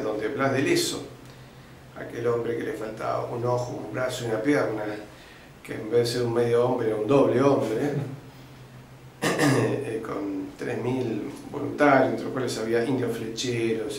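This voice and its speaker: Argentine man lecturing in an echoey room. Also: medium pitch. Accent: Argentine Spanish. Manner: didactic storyteller, uses fillers like "este" and "eh", clears throat often. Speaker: interview guest. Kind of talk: lecturing historical account. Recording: very echoey room with faint background noise.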